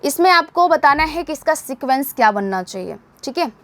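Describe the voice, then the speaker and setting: A woman's voice: high-pitched, animated, a bit bright. A young Indian woman teaching an exam-prep English lesson, explaining step by step and checking in with her students. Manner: explanatory, repeats points and checks with "theek hai?"; reads English sentences slowly and deliberately.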